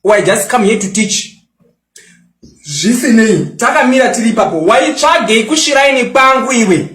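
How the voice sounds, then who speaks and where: This rant comes from a Zimbabwean man in his twenties, a social media personality who mocks and boasts as he answers a critic, dropping English into his local-language speech. He has an extremely high pitch with lively intonation, a moderate pace and a fairly bright tone, and the sound is roomy.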